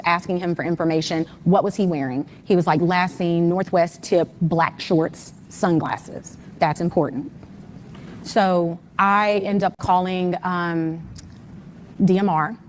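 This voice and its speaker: A middle-aged woman speaks in a slightly low register as an interview guest. She goes through events one at a time, peppering her account with "um" and "like". A faint hiss sits under her voice. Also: fairly even intonation, measured pace. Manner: detailed step-by-step retelling with frequent "um" and "like". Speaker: interview guest, mother of the missing person. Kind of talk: conversational personal account.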